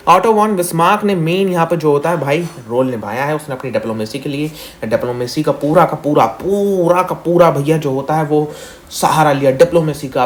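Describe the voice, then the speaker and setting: A young man teaching a fast, chatty exam-revision lesson, mixing English into Hindi and calling students "meri jaan" and "bhaiya". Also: fairly high pitch. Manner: talks fast on purpose.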